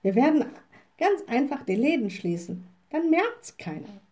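A woman voicing a mischievous, idle little witch in a storybook reading, with a sly, lively manner. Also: a little high, takes it slowly, full character voice. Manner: grumbling, then sly and lively.

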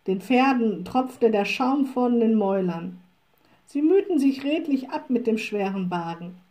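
A woman narrating a children's audiobook with calm, measured storytelling. Her voice is mellow and warm, pitched a little above average. She keeps a steady, even delivery from line to line.

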